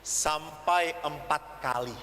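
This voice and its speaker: Man, priest, sermon, funny anecdotes, bright tone, echoing hall with faint noise. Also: fairly high pitch, takes it slowly. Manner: humorous anecdotal storytelling; acts out voices in the stories.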